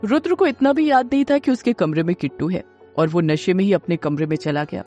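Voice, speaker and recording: A woman storyteller reading a scripted romance audio story in a steady, dramatic way. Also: lowish voice, fairly quick, dull audio. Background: faint music.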